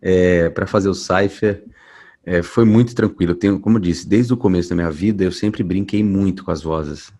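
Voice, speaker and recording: A man, a voice actor being interviewed, telling stories in a relaxed way from home. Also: deep voice, normal speed. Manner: relaxed storytelling, many restarts. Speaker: voice actor guest. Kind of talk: casual interview talk. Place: at home at night.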